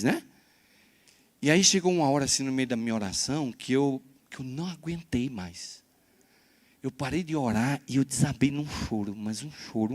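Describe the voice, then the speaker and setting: A male pastor preaching a church sermon and telling a personal story, swinging between hushed confession and loud exhortation. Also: mid-range voice. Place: church service.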